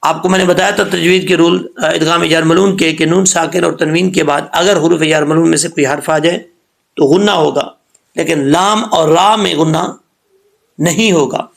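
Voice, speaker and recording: A man teaching a Quran recitation lesson in a slightly high, gravelly voice. He walks through each rule patiently, step by step. He slows down to draw out the sounds so listeners can copy them. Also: fairly even intonation. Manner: patient step-by-step explanation, slowing down to model sounds.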